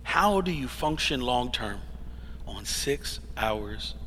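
A man's voice: mid-range voice, expressive, takes it slowly, bright, forceful tone, slight background noise. A pastor preaching a sermon to his congregation in a church hall, earnest and emphatic, his voice often rising and dropping in volume. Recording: long hall reverb.

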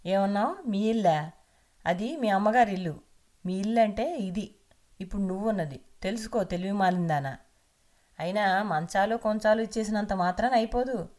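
A woman's voice: medium pitch, moderate pace, darkish tone, close to an everyday voice. A woman voicing a harsh young husband who mocks and scolds his wife. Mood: scornful. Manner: mocking, scolding.

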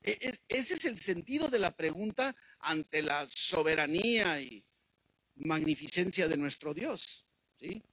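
Husky high-voiced preacher. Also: male voice, expressive, unhurried, sharp tone, dry recording, poor audio. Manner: conversational, asks listeners rhetorical questions. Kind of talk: sermon.

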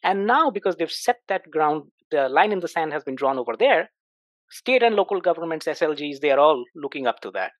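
A man's voice: fairly high pitch, big pitch swings, fairly quick, dry recording. A middle-aged man, a startup CEO, answering interview questions in a conversational, emphatic way, often asking himself rhetorical questions. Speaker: startup CEO, podcast guest.

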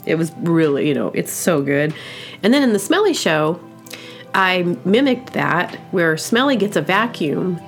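A woman hosting a podcast in casual comedic chat, rambling and animated, with lots of fillers and quick impressions. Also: lowish voice, soft background music. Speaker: podcast host.

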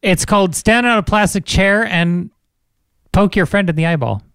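A man telling stories in casual podcast chat, animated and jokey, close to the mic. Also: high voice, moderate pace, smooth, dry recording. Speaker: podcast co-host. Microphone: close studio mic.

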